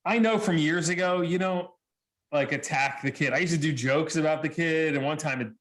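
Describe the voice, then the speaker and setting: A man with a somewhat high voice gives a presentation to parents. He tells lively stories, acts out what people said and laughs often as he goes. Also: moderate pace. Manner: animated storyteller, acts out quotes, laughs often. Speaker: speaker. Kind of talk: storytelling presentation.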